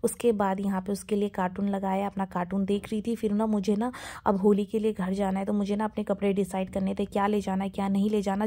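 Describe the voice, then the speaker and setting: A woman's voice: mid-range voice, dark tone. A young woman from India, a homemaker mother, chatting casually to viewers in a voice-over about her daily routine. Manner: chatty, homely, talks straight to viewers. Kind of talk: casual voice-over vlog narration.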